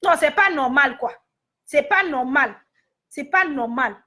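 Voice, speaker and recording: Togolese woman ranting on her vlog, super high voice, angry and repeating herself. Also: expressive, measured pace, pushed and bright. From Togo. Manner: indignant, repetitive, addresses viewers directly. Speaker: commentator giving her opinion. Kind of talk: heated opinion vlog.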